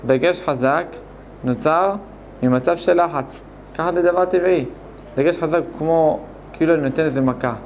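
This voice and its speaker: A man teaching a Hebrew grammar lesson, explaining slowly and repeating points while asking his students questions. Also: a little high, darkish tone, slight background noise. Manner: slow, repetitive explaining with questions to the class. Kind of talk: classroom lesson.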